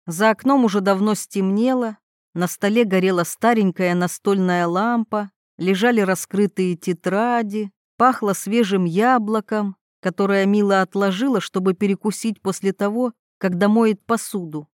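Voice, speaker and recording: A woman's voice: mid-range voice, fairly even intonation, normal speed, darkish tone, no echo. Woman reading a story, dry and close. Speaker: narrator. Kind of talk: storybook narration.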